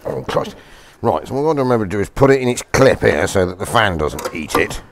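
In a garage workshop, a channel host chats and jokes while repairing a car, thinking out loud as he goes. His lowish, gravelly voice is fast and expressive, giving the video a casual workshop-chat feel.

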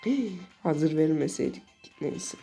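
A young man commentating his own mobile game as he plays, excitable and often exasperated, with quick outbursts. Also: on the high side, creaky. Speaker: gaming channel host. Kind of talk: live gameplay commentary. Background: game music.

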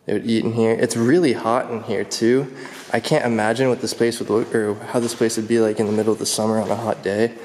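A man's voice: fairly low pitch, darkish tone, a little hiss or hum. A young man casually talking to viewers, curious and chatty, as he walks through a large empty abandoned building with a camera mic. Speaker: urban explorer vlogger. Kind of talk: casual handheld exploration vlog. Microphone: handheld camera mic.

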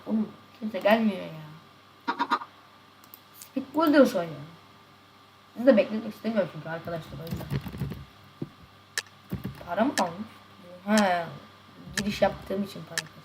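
A young woman casually commenting on her game as a streamer, talking to viewers with quick shouts and laughs. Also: mid-range voice, background noise. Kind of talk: casual live gaming commentary. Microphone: desk mic picking up mouse and keys. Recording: loud keyboard and mouse clicks. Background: constant typing and mouse clicking.

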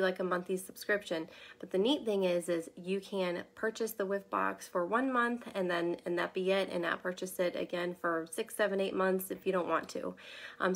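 Congested, chatty woman with a gravelly voice. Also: lowish voice, fairly bright tone. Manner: chatty and rambling, with many ums. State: congested from a sinus infection. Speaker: product consultant. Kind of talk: casual live unboxing chat.

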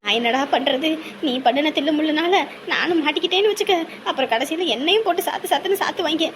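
A woman's voice: high-pitched, a little hiss or hum. A middle-aged woman playing a bossy mother who scolds and advises her grown son. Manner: bossy, scolding, quick-fire advice.

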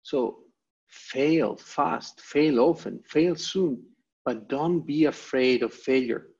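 An Italian man from Italy speaks slowly with a medium-pitched, husky, darkish voice and some vocal fry. He's a guest presenter giving a motivational online lecture in emphatic, repeated short phrases, in his Italian accent, over dull, lo-fi video call audio.

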